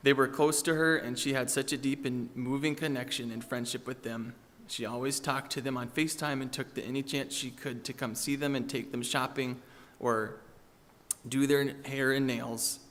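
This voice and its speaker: A man's voice: mid-range voice, steady tone, normal speed. Man giving a eulogy in a church hall. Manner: warm storytelling with hesitant fillers and laughs. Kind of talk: memorial eulogy. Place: church sanctuary.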